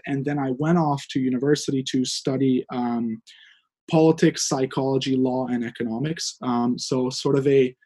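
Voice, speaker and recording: A Hungarian man in his twenties, guest director of a student fund, answers interview questions thoughtfully, using lots of fillers and hedges. His voice is medium in pitch with a darkish tone.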